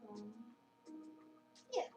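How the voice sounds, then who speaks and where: Speaking very slowly and mellowly, a woman performs a visual novel on stream as a playful, theatrical dramatic reading with casual commentary. The recording is roomy, with a distant microphone and background music.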